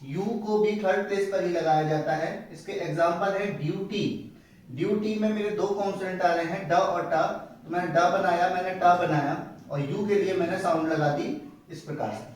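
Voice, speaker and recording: Man, shorthand teacher, high voice, patient step-by-step explaining, strong room echo. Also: fairly even intonation. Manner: slow and explanatory, repeating each word as he writes it. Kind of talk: step-by-step lesson. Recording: very echoey room, a bit distant from the mic.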